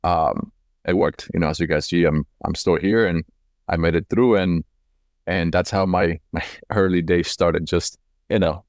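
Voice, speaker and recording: A company CEO in his forties from Cali, Colombia tells his life story in an interview, speaking casually, reflectively and conversationally and repeating words as he goes. His voice is low-pitched, with fairly even intonation and a normal pace. The studio-quality recording has no echo.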